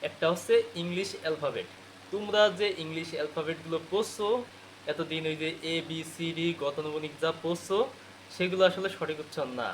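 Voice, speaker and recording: A high-pitched man teaches English pronunciation to students. He drills each point by asking a question and answering it at once. A faint hiss runs under his voice. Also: brisk. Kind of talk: spoken lecture to students.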